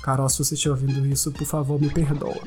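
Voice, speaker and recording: A man hosting a podcast, reading listener comments aloud in a casual, playful, slangy way with lively jumps in pitch. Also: fast talker, faint music behind. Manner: animated, playful, slangy, jumps between high and low pitch. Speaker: podcast host.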